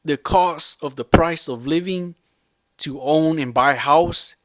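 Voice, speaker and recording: A vlogger speaks with a fairly high-pitched voice at a measured pace as he rants at the camera without a script. His delivery is rambling and emphatic, circling back on the same points and peppered with curses, and the sound is dry, with almost no room echo.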